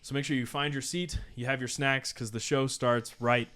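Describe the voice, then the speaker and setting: A man's voice: mid-range voice, fairly even intonation, sharp tone. Upbeat male podcast host. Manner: upbeat, playful, quick to laugh. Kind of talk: casual podcast banter.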